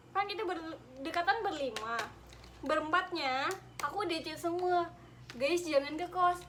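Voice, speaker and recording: A woman's voice: high voice, noisy background. A young woman vlogger casually retelling her own story, laughing and dramatizing.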